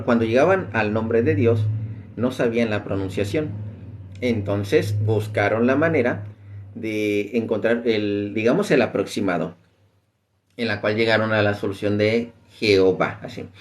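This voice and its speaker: A man teaching an informal class on the Bible, talking loosely and often pausing on "este". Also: lowish voice. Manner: conversational, many fillers like "este".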